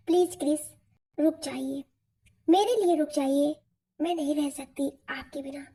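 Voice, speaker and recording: Tearful young girl begging her guy to stay, high soft voice, woman reading. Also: fairly even intonation, unhurried. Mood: pleading. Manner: tearful, pleading.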